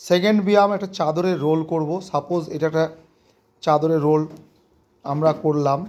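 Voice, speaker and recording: A man with a fairly high voice works as a physiotherapist and walks a patient through rehab exercises. He calls out short commands and counts the reps aloud. He drops English medical terms in as he explains. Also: fairly quick, a little mellow, highs cut off. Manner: mixes English medical terms into his speech. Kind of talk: instructional demonstration with a patient.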